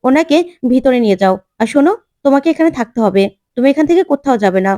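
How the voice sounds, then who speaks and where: A firm middle-aged woman doctor gives brisk, authoritative orders in a serial recap, voiced by a woman narrator. The voice is high and fast. The sound is dry. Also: expressive, warm tone, dry recording.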